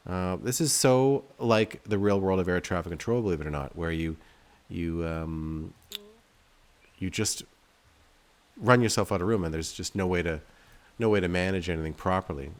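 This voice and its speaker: A deep-voiced man at a moderate pace gives offhand commentary on his own game as the video's host and its developer. He drifts from thought to thought aloud, often at his own expense.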